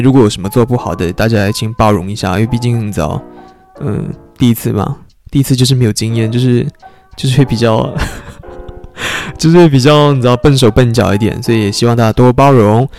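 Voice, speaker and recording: Chatty young podcast host. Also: male voice, medium pitch, a little fast, darkish tone, soft background music. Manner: chatty, self-mocking, laughs often. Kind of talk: casual storytelling monologue.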